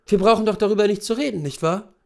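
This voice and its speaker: A man reading the part of a wealthy American wife, soft, sleepy and taunting. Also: mid-range voice, fast, vocal fry, pitched above the performer's own voice, close to an everyday voice. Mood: languid, taunting.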